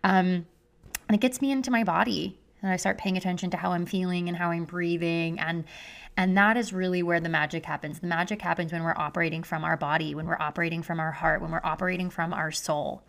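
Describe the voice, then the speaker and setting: Woman host, low and gravelly, gushy chat, muffled under a blanket at home. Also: fairly even intonation, fast talker, a bit bright. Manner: upbeat and gushing, with many "like" fillers. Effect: muffled, recorded under a blanket. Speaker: podcast host and health coach. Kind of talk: casual solo podcast monologue. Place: living room at home. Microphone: podcast mic under a blanket.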